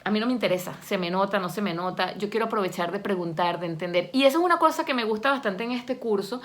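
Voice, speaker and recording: A woman talking casually to her viewers, chatty and expressive and often laughing as she tells stories. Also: mid-range voice, quick pace. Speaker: vlogger and language learner. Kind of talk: casual talk to camera.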